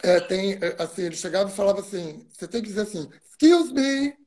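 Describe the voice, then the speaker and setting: A man's voice: sits high, fairly even intonation, fast, darkish tone. A man from Brazil, a guest stage actor in a video-call interview, recalls his work at length with asides and digressions. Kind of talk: reflective interview storytelling.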